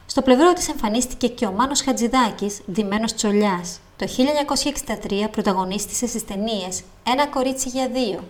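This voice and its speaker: A woman reading a documentary narration in a measured, even way. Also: fairly high pitch. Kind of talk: scripted narration.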